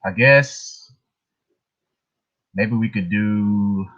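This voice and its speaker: A low-voiced man hosts a livestream with muffled, dull lo-fi audio, chatting casually with viewers. He speaks very slowly with a slightly bright tone, informal and chuckling between remarks.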